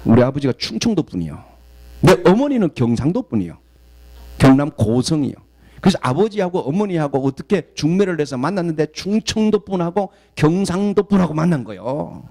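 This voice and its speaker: A man from southeastern Korea, a guest pastor preaching a sermon and telling stories in an animated way. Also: fairly high pitch, a little fast. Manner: animated storytelling, acts out quoted voices.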